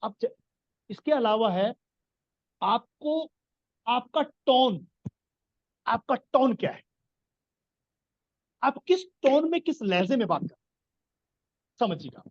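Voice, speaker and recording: A man's voice: very high voice, a little mellow, no echo, highs cut off. A man giving an earnest business coaching talk, explaining his points and repeating key phrases for emphasis. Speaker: business trainer.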